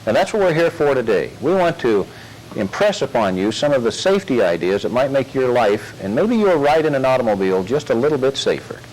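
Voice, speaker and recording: A man's voice: medium pitch, sing-song, brisk, darkish tone. A man, a police officer, giving a safety talk to schoolchildren as the patient straight man to a ventriloquist dummy. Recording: noisy recording with crowd. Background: children's crowd.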